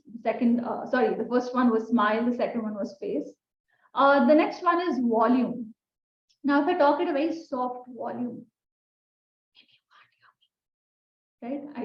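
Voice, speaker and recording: A woman teaching a communication skills lesson in a conversational way, often asking her listeners questions. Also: fairly high pitch. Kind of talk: recorded lesson. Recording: echoey room, dull sound.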